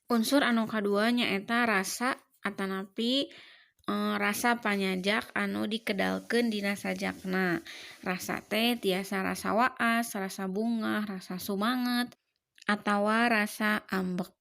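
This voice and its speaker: A woman's voice: medium pitch, steady tone, a little slow, creaky, fairly bright tone. A woman teacher with a Sundanese accent giving a lesson, explaining each point and then repeating it more simply. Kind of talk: classroom lesson.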